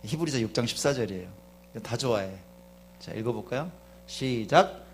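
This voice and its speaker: A middle-aged man pastor preaching a Sunday sermon. He is chatty, asks the congregation questions, and swings between quiet confiding asides and loud fervent calls. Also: medium pitch, expressive, moderate pace, soft background music. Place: church sanctuary.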